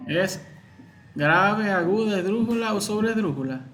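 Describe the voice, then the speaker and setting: High-voiced man teaching a grammar lesson. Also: expressive, noisy background. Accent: Dominican Spanish. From Dominican Republic. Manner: slow, repeating key words, asking questions. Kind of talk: explaining an exam to students.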